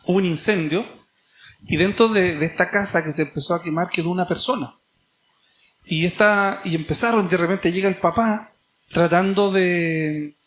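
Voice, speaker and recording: A preacher with a Chilean accent giving an emphatic sermon, repeating key phrases and asking rhetorical questions. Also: medium pitch. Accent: Chilean Spanish.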